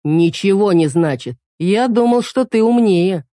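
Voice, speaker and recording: A woman's voice: on the low side, moderate pace, dark tone, no echo, clean studio sound, close to an everyday voice. A woman voicing a cold, cynical male conspirator who talks sternly and sarcastically. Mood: scornful.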